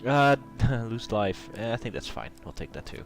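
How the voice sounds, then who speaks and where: With faint music behind him, a male let's play host speaks at normal speed in a medium pitch that swings widely. He has a cold that makes him nasal, and he hesitates a lot while thinking aloud during the casual commentary.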